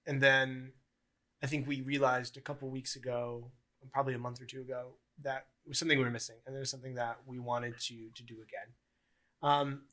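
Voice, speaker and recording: A man's voice: mid-range voice, pushed and bright. A man of twenty-one hosting a casual podcast chat, rambling with many fillers and restarts. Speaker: podcast host.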